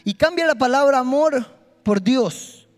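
Male preacher, emphatic sermon, unhurried delivery, echoing hall. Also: extremely high pitch, animated. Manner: impassioned, emphatic, swings between soft and loud. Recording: long hall reverb with faint music.

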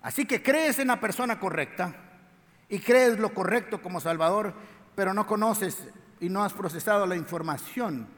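A man preaching a sermon, telling the story in a lively, colloquial way full of slang. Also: high-pitched, moderate pace. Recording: echoey hall.

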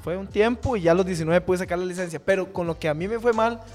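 Male podcast host, high voice, playful teaser, faint music bed. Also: fast talker, darkish tone. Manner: playful, laughs often, teasing. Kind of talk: casual podcast chat.

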